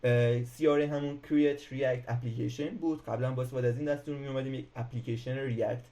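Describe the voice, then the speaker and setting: A man's voice: mid-range voice, fairly even intonation, dark tone. A man teaching programming in a casual screen-recorded tutorial, talking hesitantly with many filler sounds and restarts. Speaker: programming instructor.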